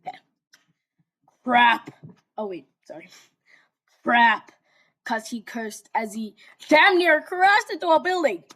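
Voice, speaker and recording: A woman's voice: high-pitched, sing-song, moderate pace, a bit bright. A young woman casually reading fan fiction aloud, breaking off for chatty, giggly asides. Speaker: fanfic reader.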